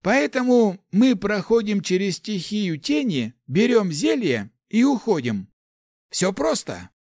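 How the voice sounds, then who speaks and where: A man's voice: high voice, big pitch swings, slow pace, a little mellow, no room sound, clean studio sound, pitched above the performer's own voice, exaggerated voice. A man voicing a young male mage who sighs and talks wryly. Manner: sighing, wry.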